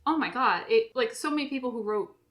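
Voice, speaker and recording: A woman with a slightly high voice co-hosts a casual chat podcast. She talks quickly, breaks into giggles often and leans on filler words. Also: expressive, fairly bright tone. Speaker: podcast co-host.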